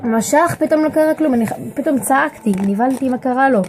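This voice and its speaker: A girl in her early teens chatting casually to the camera in a home video, often searching for words and getting excited. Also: high voice, slight background noise. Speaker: vlogger. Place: home bedroom.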